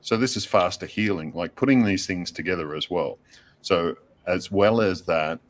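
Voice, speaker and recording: A man chatting as a guest, explaining things with lots of fillers and soft laughs. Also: low-pitched, normal speed. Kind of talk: casual chat.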